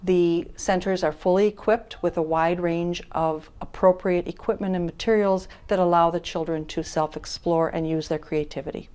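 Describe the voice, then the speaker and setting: An older woman from Wisconsin, USA, a child care services director, gives an on-camera interview statement indoors in a child care center classroom. She speaks low and formally, explaining in a measured, even way.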